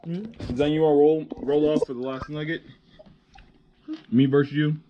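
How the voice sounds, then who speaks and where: A man's voice: on the high side, level tone, normal speed, muffled recording, background noise. A man hosting a casual family vlog as the dad, playfully teasing his kid through a food challenge.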